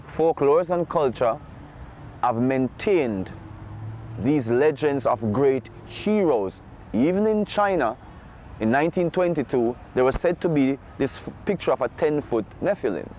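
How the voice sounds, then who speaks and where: A man's voice: medium pitch, a little mellow. Man lecturing grandly, dull lo-fi recording. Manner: deliberate, emphatic, grandiloquent wording with rhetorical tags. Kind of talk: unscripted spoken lecture on folklore and scripture. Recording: dull lo-fi sound, faint outdoor background noise.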